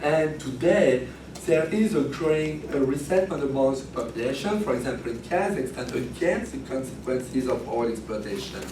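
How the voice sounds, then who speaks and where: A man with a hoarse, grating voice reading formal opening remarks as a research professor, stumbling and correcting himself. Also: mid-range voice, expressive. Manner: halting delivery with frequent stumbles and self-corrections. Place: echoey room at a workshop, indoors. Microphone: distant from the speaker. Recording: noisy, echoey room, distant microphone.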